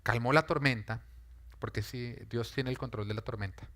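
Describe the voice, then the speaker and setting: A man preaching with a bright, forceful voice of middle pitch. He is emphatic and dramatic, swinging between loud, urgent peaks and quieter, more intimate passages. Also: normal speed. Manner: emphatic, dramatic, rises and falls in intensity. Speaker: pastor. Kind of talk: sermon.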